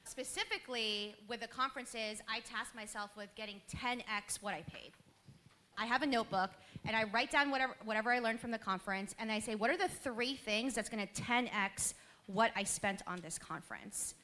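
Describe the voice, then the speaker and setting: A woman, speaking on a panel with lively storytelling and laughter. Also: a little high, brisk. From Queens, New York. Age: 30s. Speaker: panelist, business owner. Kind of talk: panel talk to a live audience.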